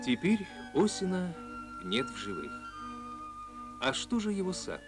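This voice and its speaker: A man reading scripted documentary narration in an old newsreel manner, measured and solemn, on a 1980s Soviet film soundtrack. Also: high voice, wildly swooping pitch. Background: music.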